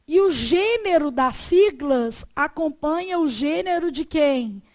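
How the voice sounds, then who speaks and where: A woman's voice: sits high, lively intonation, slow, darkish tone. A woman Portuguese teacher, giving a frank classroom grammar lecture. She leaves sentences open with "o quê?" for students to finish and checks in with "beleza?".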